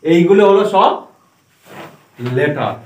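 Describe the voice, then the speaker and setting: A man's voice: sits high, big pitch swings, slow pace, darkish tone, far from the mic. A man teaching a class, quizzing pupils one by one and spelling out letters for them. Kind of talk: classroom lesson. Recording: roomy classroom, voice from afar.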